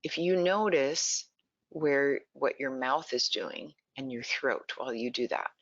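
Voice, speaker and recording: A woman's voice: very deep voice, unhurried, no echo. A woman educator giving a webinar on teaching the alphabet, explaining and modeling letter sounds as she goes. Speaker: early literacy educator. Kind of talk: webinar presentation. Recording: dull, slightly lo-fi audio.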